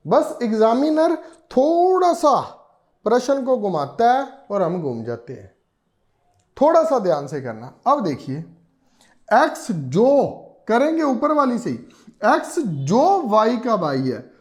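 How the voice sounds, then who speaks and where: A man lectures a reasoning class, slowing down and going over each point again. His pitch swings widely from one phrase to the next. He stresses key words and repeats them so students keep up. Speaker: reasoning teacher.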